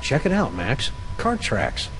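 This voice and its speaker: An actor playing a folksy, wordy dog detective with a wry deadpan manner in a cartoon game. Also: male voice, mid-range voice, slow pace, soft background music, heavily acted, rough recording. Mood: curious.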